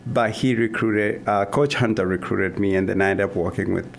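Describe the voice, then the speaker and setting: A man answers interview questions in a studio, picking his words with frequent pauses and restarts. His voice sits low and carries a gravelly fry. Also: fairly even intonation. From Kenya. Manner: hesitant, many fillers and restarts. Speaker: guest, runner and coach. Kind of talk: casual interview talk.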